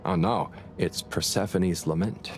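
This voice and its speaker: A man voicing a gentle, naive and kindly video game character who talks in a mild, hesitant, earnest way. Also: sits low, steady tone, measured pace. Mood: friendly, eager. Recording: music behind the voice. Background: clear music.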